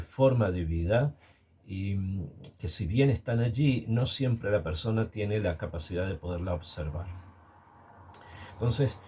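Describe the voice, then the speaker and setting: Husky-voiced man teaching a Torah lesson. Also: lowish voice, a little mellow. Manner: hesitant, many fillers and restarts.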